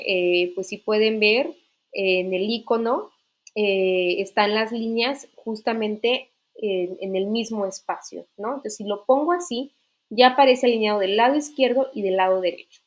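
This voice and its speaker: A woman teacher explaining writing rules in an online literature class, patient, often checking that students follow. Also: mid-range voice. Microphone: computer mic in an online class.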